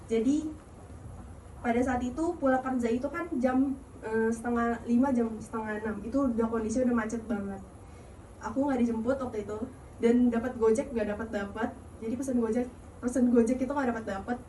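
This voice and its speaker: A woman's voice: on the high side, slight background noise. A nervous young woman, earnestly sharing a personal testimony at a youth service in a large church hall. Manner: earnest, gentle, encouraging. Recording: echoey hall, voice far from mic.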